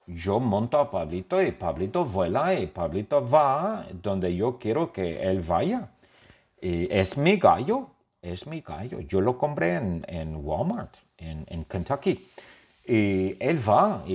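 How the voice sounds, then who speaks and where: A man speaking as an eccentric young male painter, in slow, simple, deadpan first-person sentences. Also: fairly low pitch, slightly rough, heavily acted. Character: odd young man who paints with tears. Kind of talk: comic storytelling.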